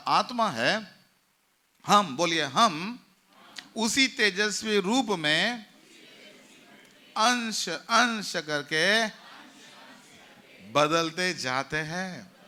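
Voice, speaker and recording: Male pastor preaching a sermon: bright, slightly high voice, calls the congregation to repeat after him. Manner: call-and-response preaching, leads the congregation in repeating phrases. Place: church.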